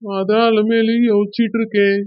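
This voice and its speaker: A woman's voice: mid-range voice, little pitch movement, normal speed, no room sound, lo-fi sound, lightly acted. A woman playing a worried young village husband with a Kanyakumari Tamil accent, soothing and hesitant. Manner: soothing, hesitant, repeats wife's name. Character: worried young husband, press shop owner.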